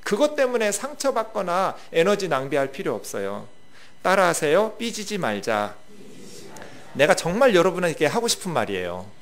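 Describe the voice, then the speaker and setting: A man preaches to his congregation in a high, bright voice. His pitch leaps and dips all through, with loud punches and hushed asides. He keeps drawing the listeners in with questions and calls to repeat after him. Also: normal speed. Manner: lively, swings between loud bursts and quiet asides, talks with the congregation. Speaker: pastor. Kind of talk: sermon.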